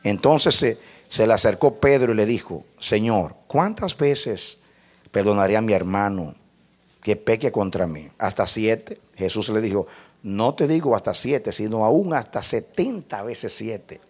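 A man's voice: fairly low pitch, expressive, measured pace. A man preaching a sermon, reading scripture aloud, acting out quotes, and stretching key words for weight.

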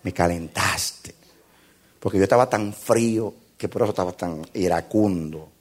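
A preacher acting as a softened, grateful church brother. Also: male voice, low voice, moderate pace, voice pushed down. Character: calmed, grateful adult male church member.

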